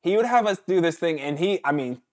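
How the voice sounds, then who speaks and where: Animated man telling stories. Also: a little high, brisk. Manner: animated storyteller, mimics his coach's shouts. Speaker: guest, former pro football player. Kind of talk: casual conversational interview.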